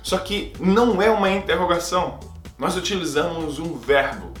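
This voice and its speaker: A man with a Brazilian Portuguese accent explains grammar as a video teacher, upbeat and playful. His voice sits a little high. He speaks in an echoey room, with faint music under him. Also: normal speed. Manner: playful, lively, asks and answers his own questions. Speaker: English teacher. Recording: roomy echo, faint music.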